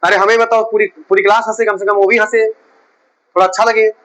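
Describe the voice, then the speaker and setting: Man, high bright voice, classroom teacher, quizzing and scolding students. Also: little pitch movement, fairly quick, lo-fi sound. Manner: scolding, questioning students directly. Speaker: coaching teacher. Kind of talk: classroom chemistry lecture.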